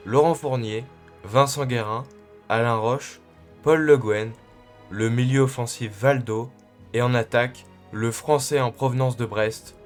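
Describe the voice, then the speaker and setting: Man narrating a scripted documentary, music behind. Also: medium pitch. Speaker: narrator of a football club history.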